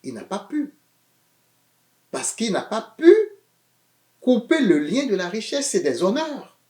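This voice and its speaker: A man with a high-sitting voice preaches slowly in a reverberant space. He's animated, moving between forceful declarations and soft asides, often repeating words while hunting for the right one.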